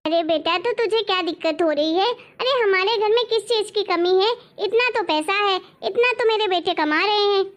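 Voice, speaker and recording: A woman's voice: very high voice, moderate pace, hardly any pauses, fairly bright tone, highs cut off. A woman playing a proud, bossy mother-in-law who scolds indignantly, in a family drama. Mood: scolding.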